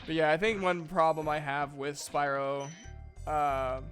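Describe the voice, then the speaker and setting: A man's voice: a little high, fairly even intonation, unhurried, fairly bright tone. A young man giving casual gameplay commentary as a streamer, rambling and joking with lots of fillers. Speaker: streamer and voice actor. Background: game music.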